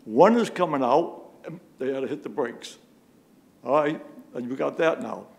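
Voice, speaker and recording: A man's voice: mid-range voice, expressive, moderate pace, creaky. A man speaking during public comment at a town meeting, pressing his complaint with repeated rhetorical questions. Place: town police commission meeting room.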